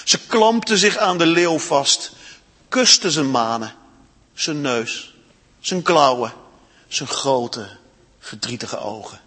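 A man reads a story aloud to children during a church service, slowing down for dramatic effect. His voice is husky and sits a little high, and it swoops widely in pitch. A long echo from the church hall trails after each phrase. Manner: expressive, slows for dramatic pauses.

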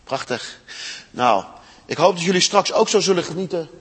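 Expressive, husky man reading to children. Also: sits high, long reverb tail. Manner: expressive, slows for dramatic pauses. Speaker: church children's storyteller. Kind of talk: reading a story aloud to children. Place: church.

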